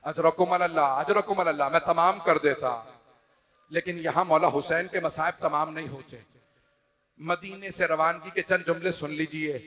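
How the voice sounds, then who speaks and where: A man's voice: fairly high pitch, steady tone, moderate pace. A man giving a dramatic mourning sermon to a live gathering in a large hall. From Pakistan. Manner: dramatic storytelling, swelling to loud wailing cries. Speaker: Shia cleric leading a majlis.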